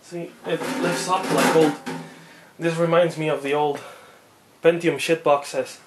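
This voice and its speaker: Slow-talking, higher-voiced man, thinking aloud. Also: steady tone, heavy background noise. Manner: rambling, thinks aloud, easily amazed. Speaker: tech hobbyist vlogger. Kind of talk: unboxing and teardown narration.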